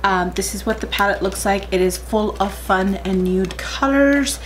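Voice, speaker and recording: A young woman beauty vlogger casually chats with her viewers while walking them through a makeup tutorial step by step. Her voice is mid-range at a normal speed, with a little hiss or hum in the audio.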